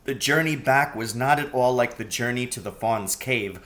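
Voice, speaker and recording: A man's voice: mid-range voice, normal speed, a bit bright. A man narrating a children's story from a script, as an audiobook reader.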